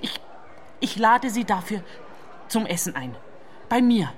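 An actress playing an earnest, insistent client seeking a detective's help in a radio drama. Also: female voice, mid-range voice, big pitch swings, a little slow, slight background noise. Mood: pleading, enticing.

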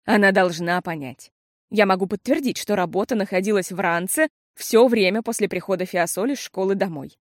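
A woman's voice: medium pitch, a little fast, no room sound, studio quality, lightly acted. Woman voicing an earnest worried mother. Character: worried, steady mother of three girls. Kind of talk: audiobook character voice.

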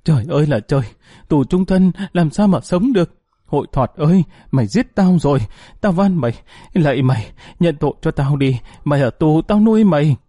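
A man voicing a panicked male prisoner who begs and wails, raising his voice high in despair, in a spoken story. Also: moderate pace, dark tone, dry recording, studio quality, close to an everyday voice. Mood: wailing plea. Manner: wailing, begging, desperate.

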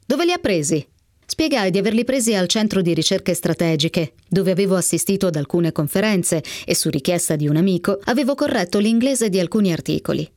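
A woman narrating a memoir in the first person on the radio, with a calm and measured reading. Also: lowish voice, no echo, studio quality. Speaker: reader. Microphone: studio microphone.

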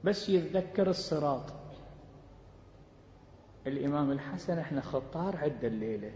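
A male preacher with an Iraqi Arabic accent giving an impassioned sermon, swinging from hushed low passages to loud urging. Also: expressive, moderate pace, a little hiss or hum. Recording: echoey hall, dull lo-fi sound.

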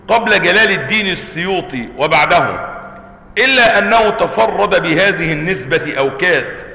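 A man with an Egyptian accent teaching a religious lesson, his voice high and bright. He reads from a classical text and stretches words out for emphasis. Long reverb from a roomy hall trails behind him. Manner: stretches words for emphasis, switches to colloquial asides. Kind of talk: religious lesson, reading a book aloud and explaining it.

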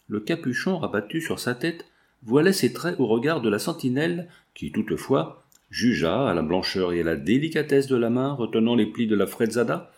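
A man narrates a classic adventure novel in a steady, measured read. His voice is mid-pitched with a gravelly, creaky texture. The delivery is calm and even. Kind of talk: scripted audiobook narration.

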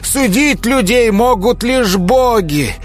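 A man's voice: very high-pitched, expressive, slow, soft background music, pitched above the performer's own voice, full character voice. A man doing a singsong pious holy fool. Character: meek holy fool beggar, male, pious.

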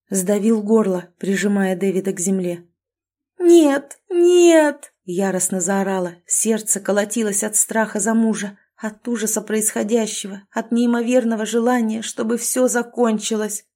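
Warm-voiced woman narrating a dark story. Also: mid-range voice. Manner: expressive, intense. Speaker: audiobook narrator. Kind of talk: dramatic first-person story reading.

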